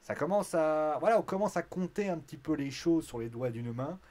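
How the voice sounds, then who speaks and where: A man hosting a wrestling recap show in casual spoken commentary, chatty and animated, with blunt slang and now and then a louder, higher voice when he acts out a quote. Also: normal speed.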